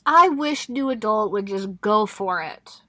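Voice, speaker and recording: A young woman co-hosts a casual book podcast, retelling the plot in an animated, laughing way, and she swears freely. Her voice sits in an ordinary middle register. The sound is close and dry, with no room around it. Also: medium pitch, measured pace, no echo. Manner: laughing, animated storytelling with expletives. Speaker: podcast co-host. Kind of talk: casual book recap chat.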